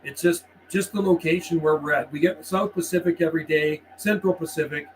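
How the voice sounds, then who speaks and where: A middle-aged Canadian CB radio operator runs a casual live radio stream, chatting in a friendly, easygoing way and calling out on CB channels. His voice has a fairly high pitch and a fairly quick pace. The audio is poor, with clear background noise and radio ambience.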